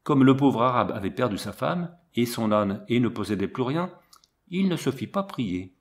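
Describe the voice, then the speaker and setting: A man narrates a classic adventure novel as an audiobook, telling it in the first person. His reading is lively and expressive, at an even middle pitch. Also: moderate pace. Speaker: audiobook reader.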